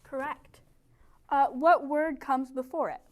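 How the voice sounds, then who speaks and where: Slow and steady in tone, a high-voiced young ESL tutor gives a small classroom group clear, encouraging directions during an English lesson, captured by a camera placed some way off.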